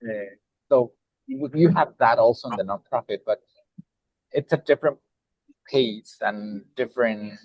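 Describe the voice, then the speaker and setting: A Mexican man with a Mexican Spanish accent, a nonprofit director, speaks in a roundtable discussion, halting often with fillers and restarts. His mid-range voice comes over a video call in a dry recording with the highs cut off.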